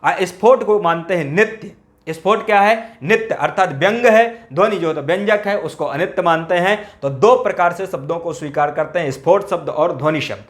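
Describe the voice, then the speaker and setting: A man's voice: high voice, a little fast. A man teaching Sanskrit grammar in an exam-prep lecture, repeating key phrases and asking rhetorical questions.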